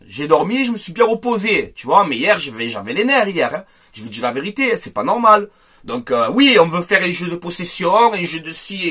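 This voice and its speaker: A man hosting a casual football debrief, angry and animated, repeating himself and talking straight to his viewers. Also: high voice. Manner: angry, animated and repetitive, addressing viewers directly. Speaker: football fan video host.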